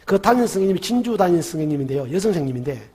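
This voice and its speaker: A middle-aged man with a Gyeongsang accent, preaching a Sunday sermon in church and telling a story with lively questions to the congregation. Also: fairly high pitch, very fast, breathy edge. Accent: Gyeongsang dialect. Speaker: pastor. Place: church sanctuary.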